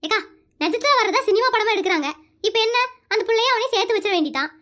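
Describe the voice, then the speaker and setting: A performer voicing a chatty, caring village woman in an animated comedy who exclaims and keeps calling the other woman "akka". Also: very high-pitched, fast talker, heavily acted. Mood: indignant.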